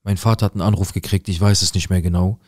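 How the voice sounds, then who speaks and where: A man narrating a dramatic first-person story, mostly low and hushed, with agitated quoted outbursts. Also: steady tone, quick pace, no echo, clean studio sound. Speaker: storyteller recounting a viewer's story.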